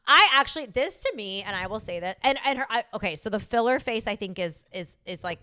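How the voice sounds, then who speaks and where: A woman's voice: medium pitch, animated, fairly quick, bright, forceful tone. A young woman co-hosting a pop culture podcast in a casual chat, talking emphatically and restarting her sentences often. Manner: chatty, restarts a lot, emphatic opinions. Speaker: podcast co-host.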